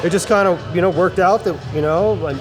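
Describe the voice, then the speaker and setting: A man's voice: high voice, quick pace, a crowd in the background. A middle-aged man being interviewed in a casual chat, rambling in laid-back skater slang. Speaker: guest, skate park builder. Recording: music playing behind the voice.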